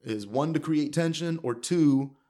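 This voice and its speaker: Male stand-up comic, casual chat, blunt and profane, animated delivery. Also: fairly high pitch, unhurried. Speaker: stand-up comedian.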